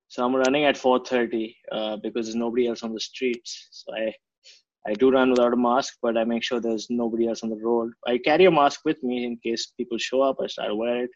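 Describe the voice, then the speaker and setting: A man's voice: mid-range voice, no echo. A man with an Indian accent, a coach answering interview questions in casual, blunt, slangy speech. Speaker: martial arts coach, interview guest. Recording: dry but slightly dull audio.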